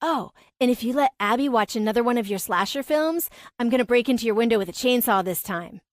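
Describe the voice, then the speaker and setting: A woman's voice: a little high, expressive, quick pace, dry recording, studio quality, lightly acted. A woman voicing an eager billionaire dad. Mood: excited. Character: eager single-father billionaire man.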